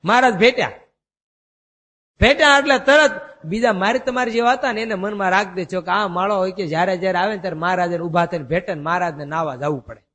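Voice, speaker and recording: A man preaching a devotional sermon, chanting verses slowly and telling stories in a folksy way. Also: sits high, a bit bright. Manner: chants verses slowly, then explains in a folksy storytelling manner. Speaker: swami preacher. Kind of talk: Gujarati devotional sermon with storytelling. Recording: long hall reverb.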